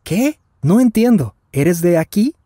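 A man in his twenties voices Daniel, a curious traveler, in a scripted language lesson dialogue delivered with care at slow and normal speeds. His voice sits high and dark, very animated and exaggerated, at a measured pace. The studio-quality recording has no room sound.

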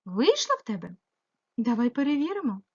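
A female primary school teacher giving a remote grammar lesson, asking the pupil questions and answering them herself, stretching example words slowly. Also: on the high side, wildly swooping pitch, breathy edge, lo-fi sound. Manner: slow, sing-song emphasis on example words; addresses the pupil directly, asks and answers herself.

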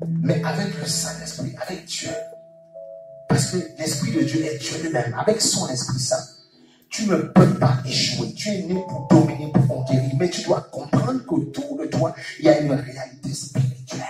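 A man preaching with fervour, his fairly high voice leaping up and down as he repeats phrases and calls out alleluia. He is heard from a distance in a very echoey church hall, with music playing clearly behind him. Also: lively intonation, normal speed. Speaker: pastor. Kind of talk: sermon.

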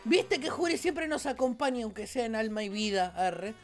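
A woman with a Rioplatense Spanish accent hosting a Let's Play, with excitable, playful, exclamatory commentary. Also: fairly high pitch, moderate pace, faint music behind. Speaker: gaming channel host.

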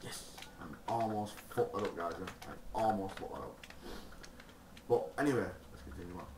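Man, low voice, rambling gameplay commentary, loud keyboard clatter, echoey room. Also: normal speed. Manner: rambling, swears a lot, bursts into excited shouts. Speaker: gaming video creator. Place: room at a computer. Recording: roomy, distant mic, loud keyboard noise.

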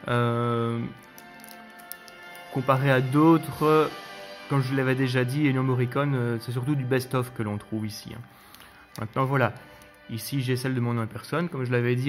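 A man talks through his collection in an easygoing, unscripted way, pausing often on fillers and restarting his sentences. His voice sits at a middle pitch, and faint music plays behind him. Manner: relaxed, hesitant, frequent fillers. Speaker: video host reviewing his collection. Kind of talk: casual spoken review.

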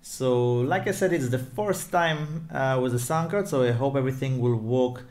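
A man's voice: medium pitch, moderate pace, darkish tone. A man introducing a music tutorial in a loose, chatty way, his voice carrying a big hall-like echo from an untreated home studio. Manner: loose, chatty, searching for words. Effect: strong room reverb like a big hall echo. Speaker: music producer and tutorial host. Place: new home studio without acoustic treatment, echoey room. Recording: reverberant untreated room.

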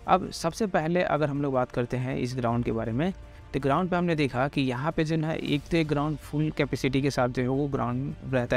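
An Indian man with a mid-range voice presents a cricket pitch report as informal sports analysis. He explains things repetitively and speaks directly to listeners.

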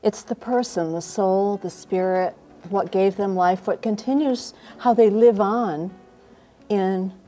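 A woman speaking as a hospice nurse, reflecting personally in an earnest, thoughtful manner. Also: medium pitch. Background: soft guitar music.

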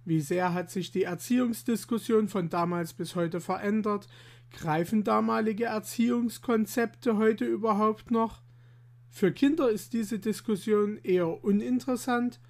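Slow, expressive male storyteller. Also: high voice. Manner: expressive, measured reading with lively voiced quotes. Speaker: children's storyteller and channel host. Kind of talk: reading a rhyming children's tale aloud.

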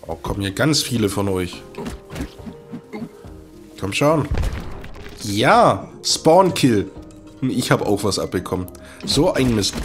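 A man's voice: fairly low pitch, lively intonation, slow, pauses often, over music. A man giving casual gameplay commentary, making dry, wry asides to the viewers. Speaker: let's play host.

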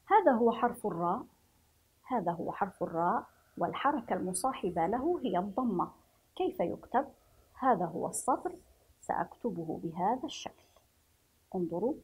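Woman teacher, breathy voice, stretches syllables slowly for young children. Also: mid-range voice, darkish tone, rough recording. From Yemen. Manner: slow drawn-out syllables, praising pupils. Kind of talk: children's reading lesson.

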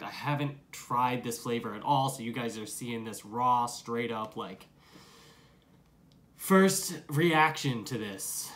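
In a small room at home with a curtain behind him, a young adult man reviews a dip on camera in a casual, slangy way, swearing a lot. His voice is mid-range and fairly bright.

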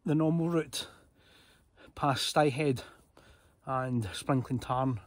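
A man's voice: mid-range voice, slow, dry recording. A middle-aged man talking casually to camera from inside a small tent, easygoing and chatty with lots of ums. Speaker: outdoor vlogger. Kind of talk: casual camping vlog chat. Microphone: handheld camera close to the face.

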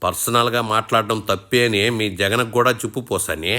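A man's voice: fairly low pitch, fairly even intonation, fairly quick, pushed and bright. A man hosting a satirical show, teasing and mocking his guest in rustic colloquial speech. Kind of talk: mock interview banter.

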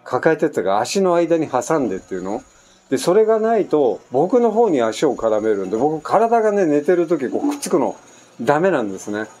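A man's voice: a little high, fairly quick. A man in his sixties from Japan, chatting casually through a story with many asides, recording at home. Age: 60s. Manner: chatty, animated anecdote telling with frequent asides. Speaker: vlogger. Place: at home on an island, construction nearby. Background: faint construction noise.

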